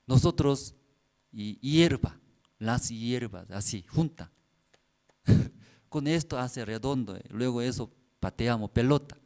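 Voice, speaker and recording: A man's voice: mid-range voice, slow pace, pauses often, darkish tone. A man preaching a sermon as pastor, telling a story in simple phrases and checking in with the listeners through constant tag questions.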